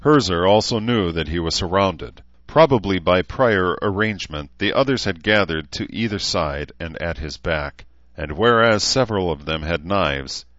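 A man narrating an audiobook in steady, even storytelling, in a slightly muffled recording. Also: low voice, no echo. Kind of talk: scripted narration.

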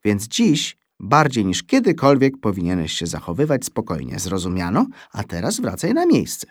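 Guy putting on a strict teacher lady scolding a kid, animated, dry sound. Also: lowish voice, moderate pace, no echo. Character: stern but amused schoolteacher woman.

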